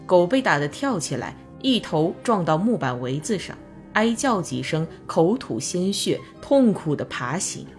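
A woman narrating a novel as an audiobook, in calm, measured storytelling. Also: lowish voice, soft background music.

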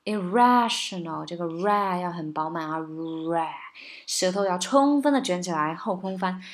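A woman giving a casual spoken lesson on singing and pronunciation, patient and coaxing, often checking in with listeners and slowing down to model English words. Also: fairly low pitch, faint music behind. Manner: slows down to model English words, sometimes sings lines.

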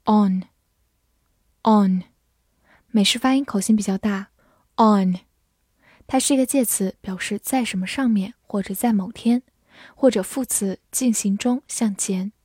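A woman with a Mandarin Chinese accent reading English vocabulary for review. She repeats each word slowly, then gives its Chinese meanings. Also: mid-range voice, darkish tone, breathy edge, dry recording, studio quality.

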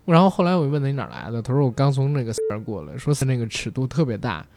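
A man's voice: medium pitch, sing-song, rapid-fire, darkish tone. A man chatting casually and telling anecdotes in a blunt, colloquial way. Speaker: film industry commentator. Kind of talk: casual chat, animated anecdotes.

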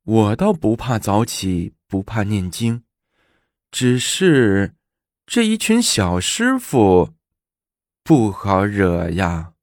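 A man's voice: fairly low pitch, sing-song, slow, darkish tone, no echo, studio quality, heavily acted. A man voicing a bold, clever young woman of the palace, confident and teasing, in a storybook reading.

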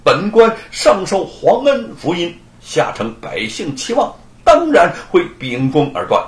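A man voicing a shrewd magistrate who speaks in a measured, official, teasing way, in a storytelling recording. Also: sits high, very animated, roomy sound, pitched above the performer's own voice. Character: shrewd male magistrate, dryly mocking.

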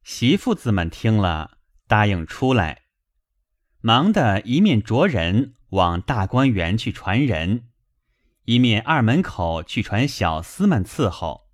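A man reading a classic novel aloud, in a measured, expressive way. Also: lowish voice, no echo, clean studio sound. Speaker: audiobook reader.

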